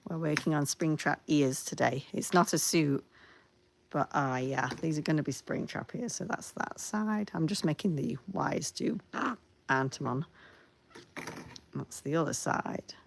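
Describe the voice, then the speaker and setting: Low, gravelly-voiced woman crafting on stream. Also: measured pace. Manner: chatty, laughs often, talks while working with her hands. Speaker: livestreamer making costume pieces. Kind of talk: casual craft livestream chat.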